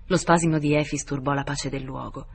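A man reading a novel aloud in measured scripted narration. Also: a little high, fairly even intonation, creaky, a little hiss or hum. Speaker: audiobook reader.

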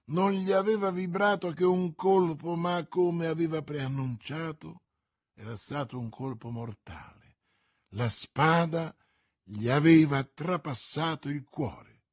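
Male narrator, husky voice, slow steady reading, dry close sound. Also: on the high side, dry recording. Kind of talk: audiobook reading of a classic novel.

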